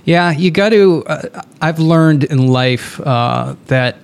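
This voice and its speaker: A gravel-edged male host in middle age chats loosely with his guest, drifting through thoughts and laughing easily. He grew up in New Hampshire and keeps a casual, conversational pace. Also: fairly high pitch, slow pace. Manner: relaxed, rambling, laughs often. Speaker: podcast host. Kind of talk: casual interview chat.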